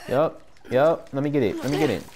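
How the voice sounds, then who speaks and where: A man giving casual commentary over a video game, cursing and reacting excitedly, talking into a headset. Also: mid-range voice, brisk, slight background noise. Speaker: gamer.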